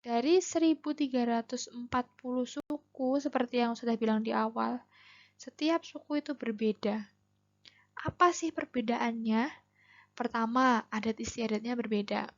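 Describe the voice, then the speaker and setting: A woman teacher with a Javanese accent and a fairly high voice talks her pupils through a lesson, patient and chatty. She asks them questions as she goes. The recording sounds dull and lo-fi. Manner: explains patiently, addresses students directly with questions. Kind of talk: classroom lesson video.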